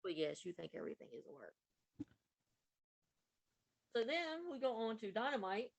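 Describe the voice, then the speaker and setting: A woman's voice: on the high side, very animated, moderate pace, vocal fry, low-quality recording. A woman co-hosting a podcast, recapping wrestling matches in a casual, running play-by-play way. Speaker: podcast co-host.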